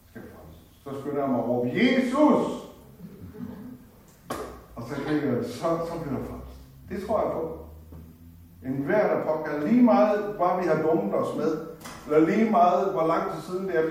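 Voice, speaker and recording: A man's voice: a little high, a little mellow, distant mic. An older man from West Jutland giving an earnest, heartfelt personal faith talk in a church, wandering and restarting as he goes. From West Jutland, Denmark. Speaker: lay speaker at a church gathering. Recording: very echoey church, voice from afar.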